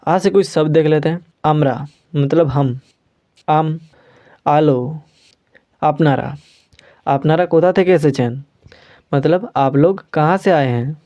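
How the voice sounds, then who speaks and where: A man with an Indian accent teaching a language lesson, patiently repeating sounds slowly for learners. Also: on the high side, mellow, highs cut off.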